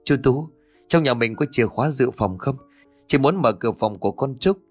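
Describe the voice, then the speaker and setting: A man's voice: mid-range voice, lively intonation, normal speed, soft background music, natural voice. A man voicing an anxious middle-aged mother who pleads with breathless urgency in an audio horror story. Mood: pleading.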